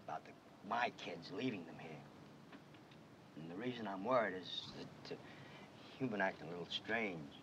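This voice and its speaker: An actor playing an uneasy father who speaks in a hesitant, halting way, from a 1970s film soundtrack. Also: sits low, background noise, natural voice. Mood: worried. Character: uneasy worried father of visiting kids.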